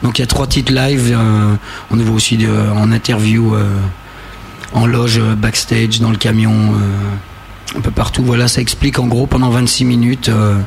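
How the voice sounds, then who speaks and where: Rocker guy, gravelly smoker voice full of fry, jokey radio chat, bit of noise behind. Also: medium pitch, flat delivery, normal speed. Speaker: rock band member being interviewed.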